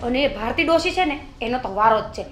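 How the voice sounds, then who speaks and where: An actress playing a sharp-tongued young sister-in-law who retorts indignantly. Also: female voice, high-pitched, lively intonation, fairly quick, echoey room. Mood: complaining.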